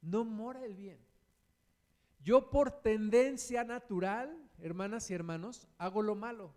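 A man with a Mexican accent preaching a sermon, slowing down to stress each quoted verse and asking rhetorical questions. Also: sits high, a little mellow, smooth. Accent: Mexican Spanish.

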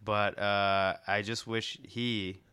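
A young man with a lowish voice, bright and crisp, chatting casually with a deadpan humor. He answers in short, easygoing replies. The sound is dry and close to the mic. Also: slow, no echo. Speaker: podcast co-host. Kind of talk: casual chat.

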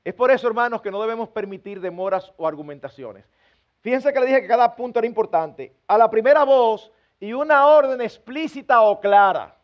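A man's voice: very high-pitched, expressive, fairly quick, dull audio. A man, a pastor, preaching an earnest sermon to his congregation and acting out everyday family scenes with humor. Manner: earnest, acts out parents scolding children with humor.

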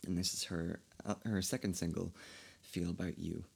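Low-pitched and steady, with vocal fry, a breathy edge and a slightly mellow quality, a Kildare-accented Irish man hosts a casual podcast chat at a moderate pace. He frequently laughs and swears without restraint.

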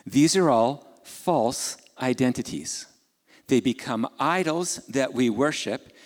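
A man's voice: mid-range voice, expressive, takes it slowly. A man preaching a sermon in a conversational way, asking his listeners questions and adding casual asides. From Ukraine. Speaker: pastor. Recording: long hall reverb.

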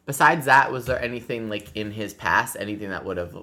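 A woman's voice: extremely low pitch, brisk, crowd noise. A young woman co-hosting a true crime podcast, chatting casually and joking, with some swearing. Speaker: podcast co-host.

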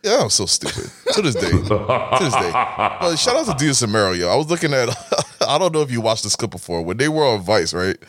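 A man co-hosting a podcast, chatting in an animated, profane way and reacting quickly. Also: medium pitch. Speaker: podcast co-host. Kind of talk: casual podcast banter.

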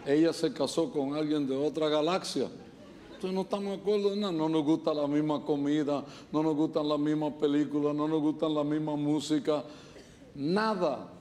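Joking Puerto Rican pastor preaching. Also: male voice, a little high, fairly even intonation, a little mellow. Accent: Puerto Rican Spanish. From Puerto Rico. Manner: joking, storytelling, quick asides. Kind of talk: humorous sermon. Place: church service.

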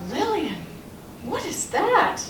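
Flustered, squealing young woman friend, read by a woman; high, lively voice, roomy far-off classroom sound. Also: takes it slowly, background noise, full character voice. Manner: squealing and giggly. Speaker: acting student. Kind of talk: reading a comedy scene in class.

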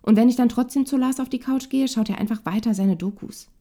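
An upset young mother, her voice climbing high and sharp as anger turns to tears, acted out by a woman reading a story. The tone stays mellow and warm underneath. She is bitter, near crying, and sharp with her words. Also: fairly quick, close to an everyday voice. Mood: angry. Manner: sharp, raised voice breaking into tears.

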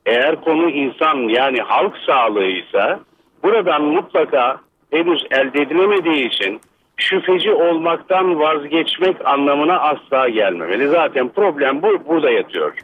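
A man from Bursa, an electrical engineer, calling a radio show over a landline phone and explaining in a measured, lecturing way with many hesitant fillers. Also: fairly high pitch, animated, slight background noise. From Bursa, Turkey. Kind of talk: explanatory call-in commentary. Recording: dull lo-fi phone line.

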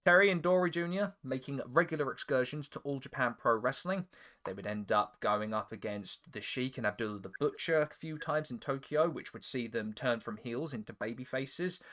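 Fairly bright and mid-range, the voice belongs to a podcast host with an English estuary accent. He's chatty and casual, laughing frequently and often stumbling and starting over.

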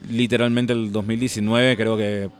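A man's voice: on the low side, moderate pace, soft background music. Young man. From Guayaquil, Ecuador. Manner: relaxed, rambling with many fillers. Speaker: musician and producer guest. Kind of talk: casual interview chat.

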